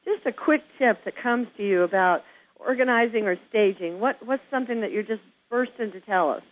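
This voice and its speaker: A woman's voice: on the high side, a little fast. A middle-aged woman from Kansas hosting a casual interview, gushing with praise and calling her guest girl. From Kansas, USA. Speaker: host of a home-staging show. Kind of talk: casual interview on a phone line. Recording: tinny phone line.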